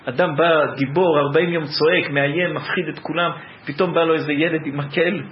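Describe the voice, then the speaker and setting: A man giving an animated Torah sermon, telling the story in a preacherly way that builds through repetition. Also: a little high, slight background noise. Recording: echoey, dull lo-fi room recording.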